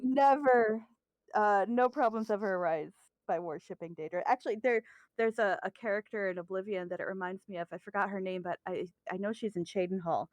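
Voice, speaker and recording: A woman's voice: medium pitch, quick pace, no echo. A woman with a Midwestern accent chatting casually on a podcast, rambling and self-deprecating with frequent laughs. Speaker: co-host guest.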